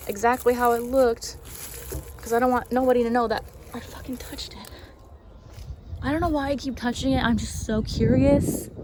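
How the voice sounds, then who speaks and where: Excitable swearing woman vlogging outdoors. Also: on the high side, slight background noise. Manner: excitable, swears freely, drops into whispers. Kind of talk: casual walking vlog. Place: outdoor cemetery, walking.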